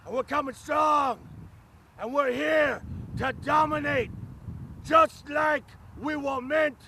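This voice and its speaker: A man delivering a wrestling promo with menacing, drawn-out threats in a gravelly voice. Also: very high voice, fairly even intonation, pushed and bright. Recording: clear background noise.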